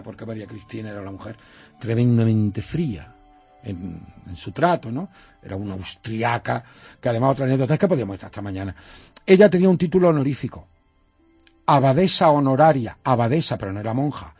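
A man, a history professor telling lively anecdotes in an interview and acting out the people he quotes. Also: medium pitch, brisk, slightly rough, no echo, faint music behind. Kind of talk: animated storytelling in an interview.

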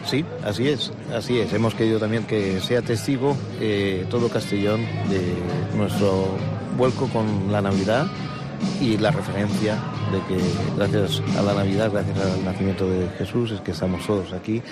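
A man from Spain, speaking with a Spanish accent, answers questions as a club spokesman in a live radio interview, using formal wording with a few hesitations. His voice sits on the low side and stays steady at a normal speed, heard over loud music. The recording is noisy and outdoors in a city, with street and traffic sounds behind him.

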